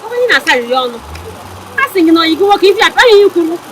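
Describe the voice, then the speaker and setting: A woman's voice: very high voice, very animated, racing, a crowd in the background. A Nigerian woman playing a young friend who coaxes and teases another woman, mixing Igbo and English. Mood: teasing. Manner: coaxing, teasing, mixes Igbo and English. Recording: noisy with engine sounds.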